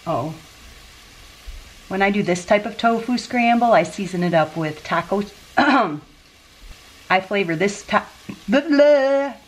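Woman, 30s, home-kitchen cooking vlogger, relaxed slow delivery, lots of restarts. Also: lowish voice, slight background noise. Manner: chatty, self-interrupting, laughs at her own slips. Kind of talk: casual meal prep vlog. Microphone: camera mic at arm's length and on the counter.

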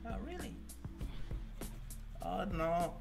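A man's voice: high-pitched, big pitch swings, takes it slowly, gravelly, faint music behind. A man hosting a trolling video chat, teasing and flirting in a playful put-on persona, talking through a gaming headset in a small bedroom. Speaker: prank video chat host.

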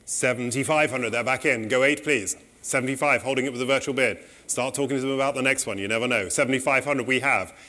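Brisk male auctioneer calling bids. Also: mid-range voice, pushed and bright. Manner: brisk, polite, repetitive bid calling. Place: auction saleroom, indoors.

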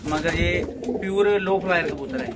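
A man's voice: a little high, moderate pace, heavy background noise. A man showing his pigeons on a rooftop, patiently explaining them with examples in casual chat.

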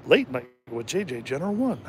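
A man voicing a sultry late-night male radio host, speaking in a low, hushed, drawn-out way. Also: sing-song, background noise, close to an everyday voice.

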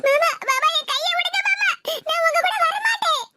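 A woman's voice: very high-pitched, fairly even intonation, brisk, heavy background noise. A woman voicing a frightened young woman with a Tirunelveli accent, pleading tearfully with her uncle in a cartoon. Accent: Tirunelveli Tamil.

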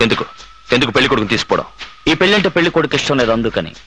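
An actor playing a calm, commanding middle-aged village leader in a dubbed film drama, speaking in measured, authoritative one-liners. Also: male voice, mid-range voice, noisy background, close to an everyday voice. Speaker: film hero confronting a minister. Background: film score music.

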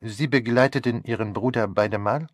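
A man reading an audiobook voices a fastidious elderly male detective who asks polite, measured questions. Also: medium pitch, no echo, clean studio sound, natural voice. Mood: probing. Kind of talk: audiobook character voice.

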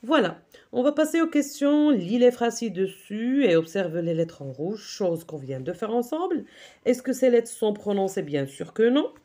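A woman's voice: fairly high pitch, very animated, moderate pace, dark tone. A middle-aged woman teaching a primary spelling lesson with patience, checking in often with the class and with parents. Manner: patient, repeats "d'accord?".

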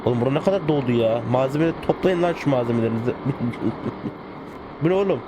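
A man giving casual gameplay commentary as a gaming video host, excitable and joking, playfully swearing and talking to the cars. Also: medium pitch, quick pace. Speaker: gaming YouTuber. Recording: game car sounds in the background. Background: game engine and car noise.

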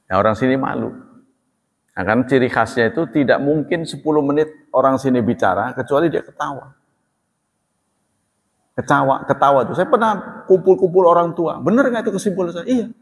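A man teaching religion in a relaxed, chatty way, joking and laughing as he talks. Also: fairly high pitch, breathy edge. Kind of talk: casual religious talk. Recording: long hall reverb.

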